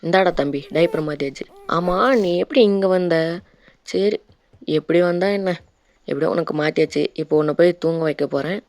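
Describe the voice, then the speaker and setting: A man's voice: fairly high pitch, fairly even intonation, brisk, darkish tone. A Tamil man doing casual let's-play commentary, chatting and playfully scolding a baby in the game. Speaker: gaming YouTuber.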